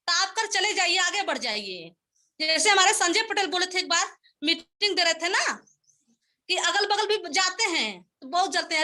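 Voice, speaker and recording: A woman addresses a meeting in a high, bright voice and builds her case through homely parables. She circles back over the same phrases to drive each lesson home, exhorting her listeners to keep going. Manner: folksy, repetitive, exhorting. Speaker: motivational speaker at a sales meeting. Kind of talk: motivational speech with parables.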